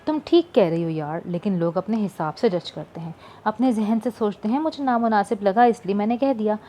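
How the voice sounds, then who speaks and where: A woman's voice: medium pitch, fairly quick, warm tone, slight background noise, natural voice. A woman voicing a wry teasing young shopkeeper. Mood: coaxing. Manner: wry, mock-offended banter.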